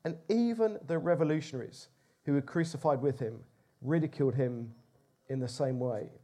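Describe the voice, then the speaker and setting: A man's voice: medium pitch, moderate pace, dark tone. A man preaching a sermon, telling a story expressively with rising emphasis.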